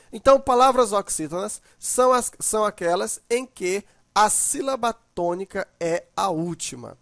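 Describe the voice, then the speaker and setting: A man's voice: high-pitched, dry recording, studio quality. A man giving a grammar lesson, methodical and repeating examples, often checking in with his students. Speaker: teacher.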